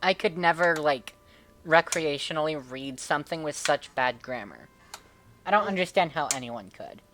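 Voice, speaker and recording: Low-voiced woman reading aloud mockingly. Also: animated, moderate pace, fairly bright tone, faint music behind. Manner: dry, mocking commentary broken up by laughter. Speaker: co-host reading fan fiction aloud. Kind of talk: comedic reading of fan fiction.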